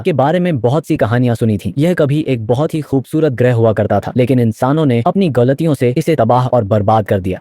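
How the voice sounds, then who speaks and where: Guy doing a film recap, dark mellow voice, dry close sound, jokey asides. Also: mid-range voice, no echo. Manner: storytelling, dramatic with comic quips. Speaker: movie recap narrator. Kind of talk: scripted narration with jokey asides.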